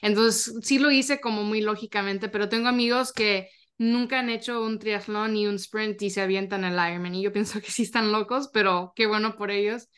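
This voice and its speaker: A woman's voice: mid-range voice, fairly even intonation, normal speed, hardly any pauses, a bit bright, clear, resonant tone. A woman podcast guest chatting casually in non-fluent, with an occasional English word slipped in. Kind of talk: casual chat.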